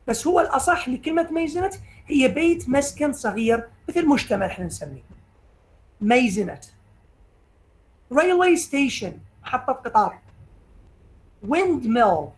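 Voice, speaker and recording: A woman with an Iraqi Arabic accent teaching English vocabulary in a recorded lecture, speaking English slowly and deliberately and explaining in quicker Arabic, with frequent hesitations. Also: fairly high pitch, rough recording.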